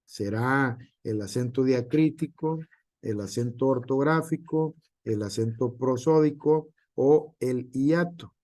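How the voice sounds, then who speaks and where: A man's voice: medium pitch, takes it slowly, darkish tone. A male teacher gives an online class, with frequent hesitations and filler words.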